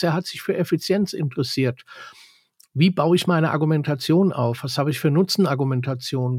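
A man in casual business chat on a podcast, explaining software processes fluently and with a lot of jargon. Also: fairly high pitch, husky, no room sound, clean studio sound.

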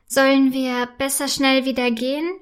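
A woman voicing an excitable little girl, eager and easily scared, in a children's storybook reading. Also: sits high, a little slow. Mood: frightened.

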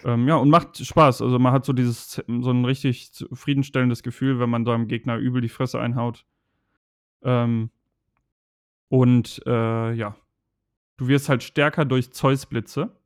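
A man's voice: medium pitch, level tone, measured pace, clear, resonant tone, no echo, studio quality. A man chatting casually on a podcast about a video game, talking in a rambling, hesitant way with many fillers.

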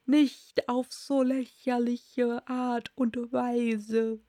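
A grumpy, sleepy dormouse, put on by a woman reading a storybook aloud. He drawls his complaints slowly, high and loud, as if a little far away. The sound is dry and close. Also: flat delivery, no echo. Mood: indignant. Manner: slow, drawling and indignant.

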